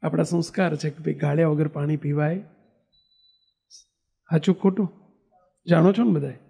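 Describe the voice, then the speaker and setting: Male monk, storytelling sermon, high gravelly voice, mellow tone, acts out quoted lines. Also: fairly even intonation, moderate pace. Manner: asks the audience questions, acts out quoted dialogue.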